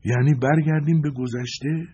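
A man voicing a frail, aging man who is bitter and barely able to speak, in a faint, slow voice. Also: on the high side, fairly even intonation, mellow, husky, highs cut off, pitched above the performer's own voice. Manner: faint, slow, whispery speech.

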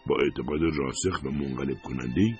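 A man narrating an audiobook in a steady, expressive storytelling manner. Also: rumbling low, lo-fi sound, soft background music.

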